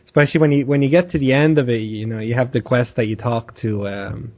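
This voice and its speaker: A man co-hosting a casual gaming podcast, relaxed and agreeable and laughing often. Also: medium pitch, quick pace, highs cut off. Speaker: podcast co-host.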